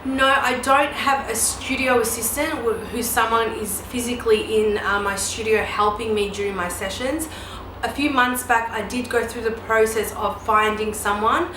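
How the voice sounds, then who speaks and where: Answering viewers' questions on her vlog, a newborn photographer and educator in her mid-thirties chats easily, leaning on ums and you-knows. Her voice is on the higher side at a normal speed. The space sounds echoey, with a steady noise underneath.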